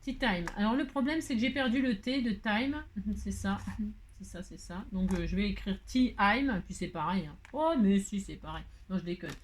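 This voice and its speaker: A woman's voice: mid-range voice, animated, normal speed, slight background noise. A middle-aged woman hosting a crafting tutorial, rambling and joking at herself as she works. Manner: rambling, self-mocking, hums and sings snatches of tunes while working.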